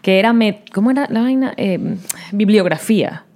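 A Venezuelan woman in her thirties co-hosting a podcast, chatting casually in a brash, animated way and swearing freely. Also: mid-range voice, moderate pace. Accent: Venezuelan Spanish. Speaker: podcast co-host. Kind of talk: casual chat.

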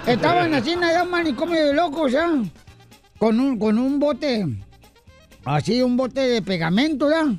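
A man's voice: extremely high pitch, expressive, measured pace, soft background music. A man hosting a radio show, telling jokes and acting out their voices playfully. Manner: playful, acts out joke voices. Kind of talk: joke-telling radio banter.

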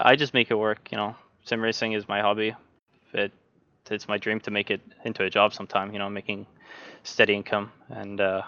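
A man's voice: on the low side, gravelly, smooth, no room sound, lo-fi sound. A young man from Norway, a sim racing driver, talking casually as a podcast guest with lots of fillers and restarts. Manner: relaxed, halting, many fillers and restarts.

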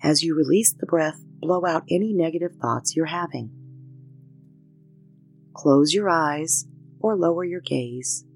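Low-voiced woman leading guided meditation. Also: measured pace, long pauses, slightly rough, faint music behind. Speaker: meditation guide and show host. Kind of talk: guided meditation, scripted narration.

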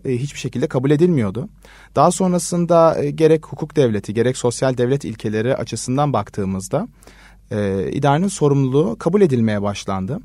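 A man who is a legal scholar answers interview questions at an unhurried, measured pace, stopping often to hesitate mid-sentence. His voice sits at a middle pitch. The recording is dry and close. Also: a little mellow, no room sound. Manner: measured, frequent hesitation fillers. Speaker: law research assistant, guest expert. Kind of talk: explanatory radio interview answers.

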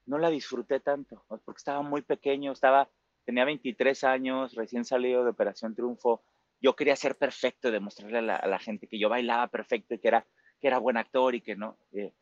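A musical theater performer, a Mexican man in his forties with a Mexican Spanish accent, speaks reflectively at a quick pace in a casual interview, leaning on fillers and tag questions. His voice is medium-pitched with fairly even intonation, and the lo-fi recording has no room sound.

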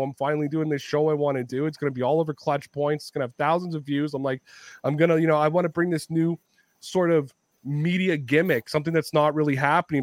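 Male podcast host, higher-pitched and lively, swears freely, acts out quotes, dry close mic. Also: dry recording. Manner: animated storytelling, swears a lot, acts out quotes. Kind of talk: casual podcast chat.

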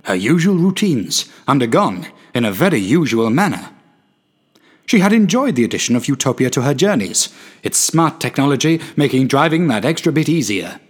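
A man's voice: medium pitch, sing-song, normal speed, husky. A man reading a darkly comic story in a wry, dramatic storytelling manner. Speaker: narrator. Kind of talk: scripted story narration.

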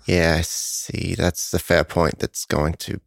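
A man's voice: low-pitched, flat delivery, slow, gravelly, no echo, studio quality. A man playing a tabletop role-playing game, improvising casually and thinking aloud in a hesitant, deliberating way.

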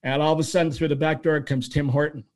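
A man's voice: fairly high pitch, quick pace. A man in his sixties from Toronto, Canada, telling long stories as an interview guest, rambling and restarting as he goes. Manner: rambling, animated storyteller with frequent restarts. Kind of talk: storytelling interview answers.

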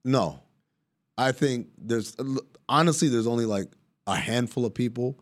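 A man's voice: medium pitch, expressive, measured pace. A man who is a guest on a basketball podcast, telling a long anecdote in casual chat, acting out quoted dialogue and swearing casually.

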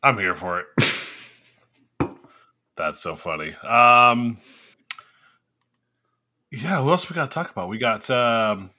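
A man hosting a casual chat among friends, excitable and easily amused. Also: medium pitch, slow, long pauses. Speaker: podcast host.

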